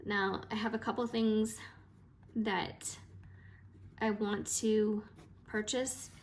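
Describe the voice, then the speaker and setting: A woman vlogger talking casually through her cash budget, a bit hoarse and chatty, with frequent hesitations. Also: medium pitch, little pitch movement, takes it slowly, a little hiss or hum. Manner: chatty and hesitant, with frequent ums and trailing asides.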